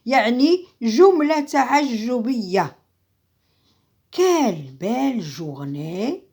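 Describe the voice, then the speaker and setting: A woman teaches a grammar class at an unhurried pace. She says each example slowly and repeats it, then explains it again in Arabic. Her pitch rises and falls a lot as she talks. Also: sing-song, darkish tone. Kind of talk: slow classroom grammar lesson.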